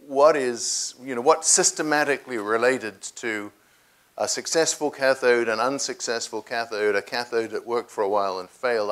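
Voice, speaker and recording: An older man in a large lecture hall, answering audience questions on a lapel mic, halting with many restarts. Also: fairly low pitch, a bit bright. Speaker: guest speaker taking audience questions.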